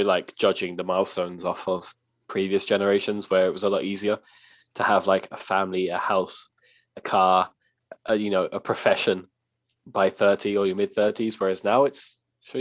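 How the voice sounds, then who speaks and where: Lad late twenties, lowish voice, candid chat, dry mic. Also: male voice, dry recording, highs cut off. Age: late 20s. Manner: candid, laughs through his words. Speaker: podcast co-host. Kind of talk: casual chat.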